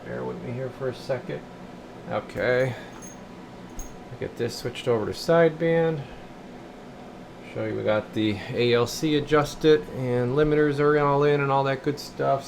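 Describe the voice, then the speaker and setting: A man with a mid-range, steady voice and a touch of vocal fry speaks a little slowly, with background noise present. In an indoor radio repair workshop, he gives a folksy, informal hands-on demonstration for a bench test video, sometimes muttering to himself as he goes.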